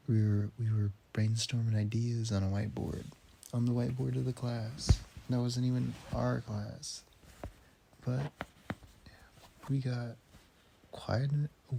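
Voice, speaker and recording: A very tired young man in his late teens, slightly nasal from a cold, keeping a personal audio diary in a halting way with restarts, sighs and throat clearing. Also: fairly low pitch, warm tone. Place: at home indoors.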